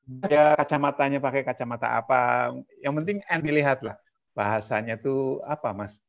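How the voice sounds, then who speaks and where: A man with a mid-pitched voice gives a casual, chatty talk as a trainer over a video call. His delivery is relaxed, and he pokes fun at himself. The sound is a bit dull and lo-fi. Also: moderate pace, vocal fry. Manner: relaxed, chatty, self-deprecating.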